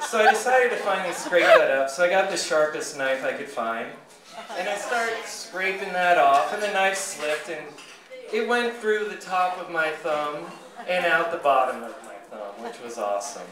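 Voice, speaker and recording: A man's voice: a little high, moderate pace. A man from California telling crude, profane stories in a stand-up set. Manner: crude, profane, deadpan storytelling. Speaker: stand-up comedian. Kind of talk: stand-up storytelling. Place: comedy club stage. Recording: echoey club, distant mic, crowd laughing.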